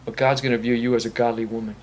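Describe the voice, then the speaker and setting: A man's voice: medium pitch, level tone, very fast, a little hiss or hum. A man earnestly answering audience questions at a faith-based recovery meeting, talking in a rambling way with many restarts. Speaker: recovery ministry speaker. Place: meeting room.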